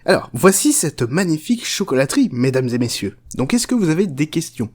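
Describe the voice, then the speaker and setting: A man's voice: fairly high pitch, very animated, a little fast, husky. A man playing a crude, unhinged chocolate factory owner, rambling, swearing and mocking in a comic parody.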